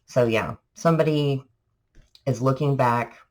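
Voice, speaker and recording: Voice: medium pitch, a little slow, low-quality recording. A tarot reader with a congested voice from allergies, talking viewers through a casual reading in a chatty, rambling way full of fillers.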